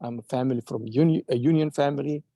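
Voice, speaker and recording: A man from Somalia speaking up at a community meeting, earnest and halting with many restarts. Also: mid-range voice, vocal fry, dark tone, no echo. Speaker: audience member. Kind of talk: casual remarks at a meeting.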